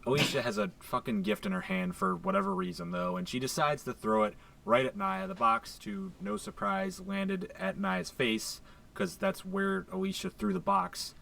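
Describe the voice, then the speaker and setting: A man's voice: high voice, moderate pace, gravelly, fairly bright tone. A man narrating a countdown video in a sarcastic, profane way, played back over speakers from a distance.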